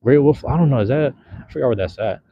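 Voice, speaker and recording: Medium-pitched and slightly rough, this man talks fast and animatedly while staying laid-back and slangy. He hosts a casual livestream chat with viewers on a handheld phone in a park at night, in cold drizzle. His audio is lo-fi and a bit dull.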